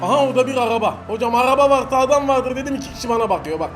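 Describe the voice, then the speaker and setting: High-voiced excitable Turkish gamer man. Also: very fast, soft background music. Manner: excitable, taunting opponents, shouting bursts. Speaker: mobile game streamer. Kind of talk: live gameplay commentary.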